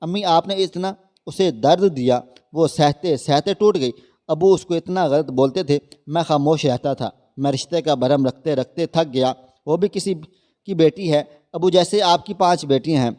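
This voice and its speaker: Brief: man voicing an impassioned young husband, raised pitch, mellow tone, storybook read. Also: big-room sound, lightly acted. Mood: reproachful. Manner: impassioned, reproachful. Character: young husband, remorseful and devoted. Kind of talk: storybook narration.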